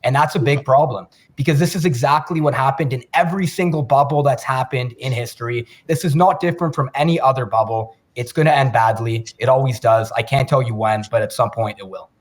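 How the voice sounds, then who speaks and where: Man, mid pitch, measured lecturing tone, podcast co-host. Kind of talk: casual chat.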